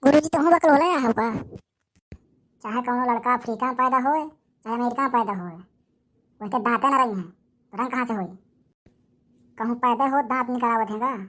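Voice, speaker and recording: A woman's voice: fairly high pitch, normal speed, long pauses, fairly bright tone. A woman playing a cheeky back-talking schoolboy. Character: cheeky village schoolboy pupil. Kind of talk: skit comedy acting.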